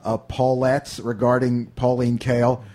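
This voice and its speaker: A man's voice: mid-range voice, completely flat delivery, a little slow, warm tone. A middle-aged man hosting a radio show, chatting casually about films with rambling, wisecracking remarks and profane asides. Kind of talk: casual film chat.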